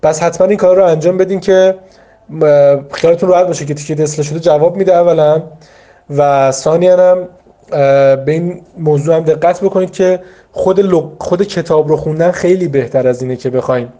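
Mellow-voiced man coaching language learners. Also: a little high, lo-fi sound. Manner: patient, repetitive, explains step by step with many asides; addresses students directly and encouragingly. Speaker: vocabulary teacher. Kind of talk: informal spoken study advice to learners.

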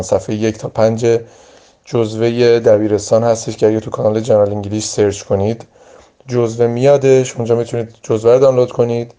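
A hoarse man teaching English words, reading each word aloud and then giving its meaning. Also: fairly low pitch, mellow. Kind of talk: vocabulary pronunciation lesson. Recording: dull lo-fi audio file.

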